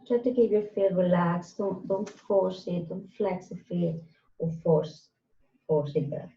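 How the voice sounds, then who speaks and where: Slow-paced woman teaching Pilates from across a room. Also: on the low side, gravelly, mellow. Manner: counts breaths and movements aloud in short, spaced cues. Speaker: Pilates instructor. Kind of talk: live exercise class instruction. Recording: roomy echo, distant mic, slightly dull sound.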